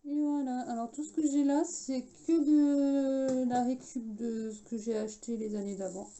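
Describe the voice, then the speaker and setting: A woman's voice: high voice, fairly even intonation, moderate pace, mellow, slight background noise, low-quality recording. A woman hosting a casual craft tutorial in French with a slight English accent, talking chattily with many hesitations. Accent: English-tinged French.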